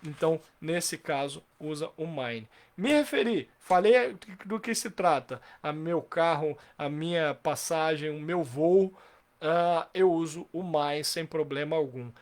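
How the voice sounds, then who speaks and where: With a voice on the high side, this man runs a live online English grammar lesson. He is patient in his explanations, poses plenty of rhetorical questions, and slowly goes back over his example sentences.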